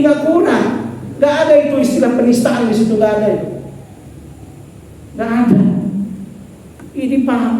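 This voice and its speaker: A man's voice: extremely high pitch, mellow, slight background noise. A man teaching a mosque study class, telling jokey stories and asking the congregation rhetorical questions. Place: mosque prayer hall. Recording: echoey mosque hall from far off.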